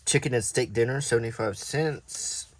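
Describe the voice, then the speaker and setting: A man reads aloud from an old newspaper at a normal speed, tossing in offhand remarks as he browses, all in a relaxed, low-key ASMR manner.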